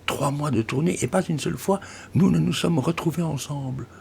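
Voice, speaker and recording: Guy doing a breathy excited young flute player lady, high and whispery, audiobook. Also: a little fast, slight background noise. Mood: wistful. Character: shy, gushing young woman flutist.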